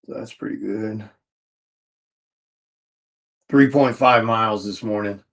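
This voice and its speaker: A man's voice: lowish voice, fairly even intonation, slow, vocal fry, fairly bright tone. A tired man talks casually on a livestream as he works through a stack of orders. He mutters item names to himself between loose, chatty asides. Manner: mutters to himself while reading out order items. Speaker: comic artist streaming while packing orders.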